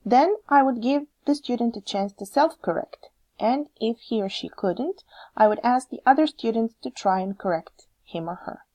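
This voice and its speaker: A woman with a Croatian accent, a teacher trainer giving measured, scripted narration that explains how to correct students. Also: a little high, lively intonation, mellow. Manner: measured, explanatory, reads examples aloud.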